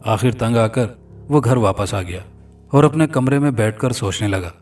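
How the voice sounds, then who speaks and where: A male storyteller reads a horror tale with an even, dramatic delivery. His voice sits at a middle pitch and sounds a little far from the mic. Faint background music plays throughout. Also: moderate pace. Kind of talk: scripted horror story narration.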